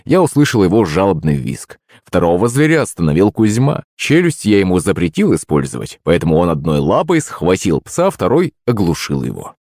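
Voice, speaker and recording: A man's voice: sits low, sing-song, normal speed, few pauses, a little mellow, dry recording, clean studio sound. A man reading a first-person audiobook expressively, giving the characters their own voices. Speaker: audiobook narrator.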